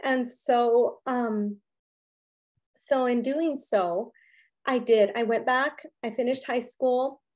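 A woman's voice: fairly high pitch, a little mellow. A woman guest in an interview, telling her personal story in an earnest, candid way, often saying "you know". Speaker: interview guest, business owner.

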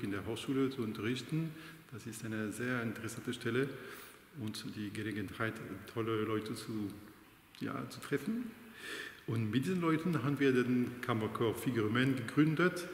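A middle-aged French choir director with a French accent gives hesitant interview answers full of fillers, framed chest-up with an unseen mic. His medium-pitched voice carries slight background noise and the long reverb of a large church with an organ.

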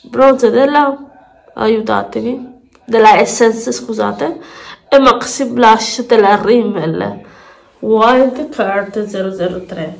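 A woman's voice: on the high side, slow, gravelly. A woman with a pinched, blocked-nose voice from a head cold, chatting casually and repeating herself in a makeup vlog. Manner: rambling, repeats words and phrases. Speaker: beauty vlogger. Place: bathroom at home.

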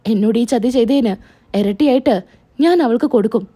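A woman's voice: fairly high pitch, fairly quick, dark tone, close to an everyday voice. A woman voicing a spoiled, scheming middle-aged woman who complains bitterly and vows revenge. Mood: vengeful. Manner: whiny, bitter.

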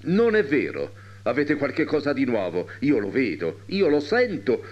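A man's voice: mid-range voice, huge pitch swings, normal speed, husky, lo-fi sound, pitched above the performer's own voice, exaggerated voice. A man voicing an irritable, suspicious old man who demands answers angrily. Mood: angry. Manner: angry, demanding questions.

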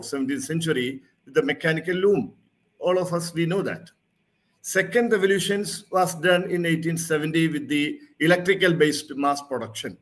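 A man giving a formal keynote talk over a video call, reading through his slides in a measured presenter tone. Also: a little high. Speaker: keynote speaker. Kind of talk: prepared conference keynote. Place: home or office, seen on video call. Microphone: video call webcam mic.

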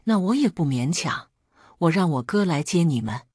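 A woman's voice: fairly low pitch, big pitch swings, normal speed, darkish tone, husky, no echo, studio quality. A woman voicing a hurt, weary daughter. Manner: hurt, resigned, firm. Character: weary middle-aged daughter, hurt but firm.

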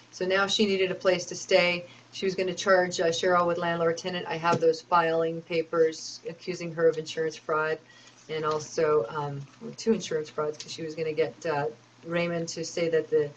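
Woman, lowish voice, aggrieved rambling account, lots of ums and restarts. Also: a little hiss or hum, rough recording. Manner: aggrieved, talks in long run-on complaints with many fillers. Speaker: personal storyteller.

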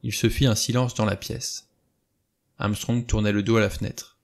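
A man reading a novel aloud in steady, plain storytelling narration. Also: lowish voice, normal speed, gravelly. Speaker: audiobook reader. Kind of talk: scripted narration.

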